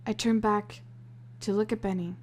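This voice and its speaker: A woman narrating a first-person novel in a plain, measured storytelling manner. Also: medium pitch, fairly even intonation, a little mellow. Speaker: audiobook narrator.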